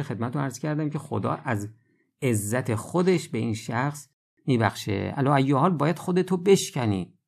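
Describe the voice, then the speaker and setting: A man giving an earnest religious lecture, urging his listeners in rising bursts and then slowing to drawn-out phrases. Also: medium pitch, creaky. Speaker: preacher.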